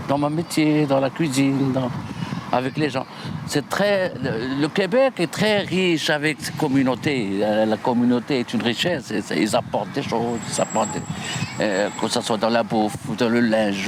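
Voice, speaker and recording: An older man giving an animated, opinionated answer to a street interviewer. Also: mid-range voice, normal speed. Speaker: passer-by interviewee. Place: outdoors on a city street. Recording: noisy outdoor street recording. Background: traffic noise.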